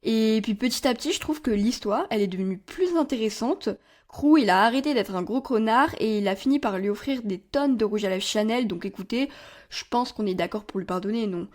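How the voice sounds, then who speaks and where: A woman's voice: fairly high pitch, brisk, a little mellow. A young woman chatting candidly through her monthly book reviews, with playful asides. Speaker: book vlogger. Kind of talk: casual book review monologue.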